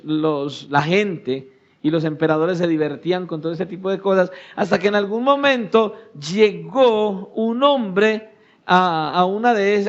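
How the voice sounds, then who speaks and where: A male pastor preaching a sermon, rising to shouted peaks and dropping to hushed, low phrases. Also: dull audio.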